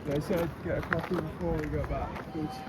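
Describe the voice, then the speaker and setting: A man's voice: on the high side, steady tone, a little fast. A man from South Africa giving brief, easygoing replies while out on a mountain walk. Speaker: travel companion. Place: outdoors on a windy mountain. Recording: loud wind and outdoor noise.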